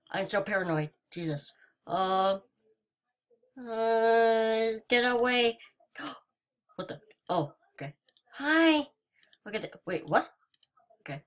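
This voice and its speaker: Woman host for jittery horror let's-play commentary, unhurried delivery, jumps to high sing-song greetings. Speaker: gaming channel host.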